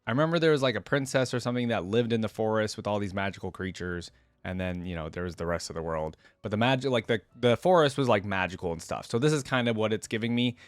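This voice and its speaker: A fast-talking man with a lowish, expressive voice reads a story out loud and riffs on it informally, using slangy asides, as a game lore reaction host. The recording has no room sound.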